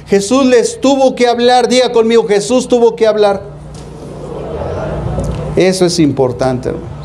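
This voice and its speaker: High-voiced Mexican pastor preaching. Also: male voice, moderate pace, noisy background. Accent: Mexican Spanish. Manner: folksy, colloquial preaching that slips into street slang; rhetorical questions, calls the congregation "hermano". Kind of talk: sermon.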